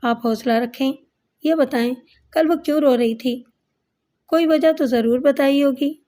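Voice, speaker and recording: A woman's voice: sits high, mellow, lightly acted. A woman reading a teasing young woman. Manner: teasing, playful.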